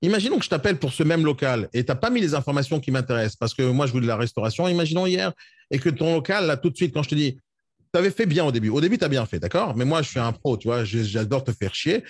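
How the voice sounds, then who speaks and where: A man's voice: mid-range voice, lively intonation, husky, dry recording, clean studio sound. A man coaching real estate agents in a live session, blunt and scolding, sometimes mocking. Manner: blunt, scolding, rapid-fire.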